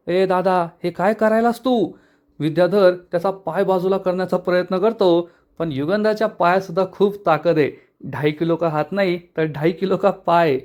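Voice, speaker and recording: A man narrating an episode recap of a TV serial, telling the story with quoted dialogue. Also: high voice. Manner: animated storytelling, quoting dialogue. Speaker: TV serial reviewer.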